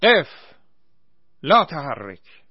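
A man voicing an excitable, football-mad young soldier who talks loudly and in exclamations, in a dry, slightly muffled recording. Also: on the high side, husky, dry recording, pitched above the performer's own voice. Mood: commanding. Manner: loud, exclaiming, shouting.

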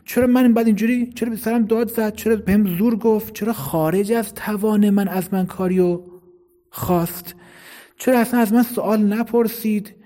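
A man's voice: sits high, steady tone, mellow, pitched above the performer's own voice, close to an everyday voice. A man voicing a grown child who rattles off indignant complaints about being treated unfairly by their parents. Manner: rapid indignant complaining questions.

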